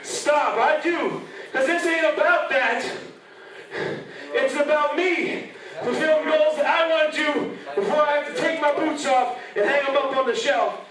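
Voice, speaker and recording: Male wrestler, very high-strung pitch, impassioned ring promo, distant in a crowded hall. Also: a little slow, a crowd in the background. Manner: impassioned, emphatic, repetitive. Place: indoor banquet-style room with wrestling ring, crowd around. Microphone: handheld microphone through room speakers, heard from far camera.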